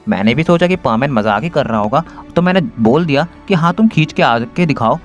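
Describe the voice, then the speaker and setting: A man voicing a bossy, sharp-tongued young girl in a storybook retelling. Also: fairly high pitch, animated, lo-fi sound, soft background music, close to an everyday voice. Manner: bossy and quick to scold.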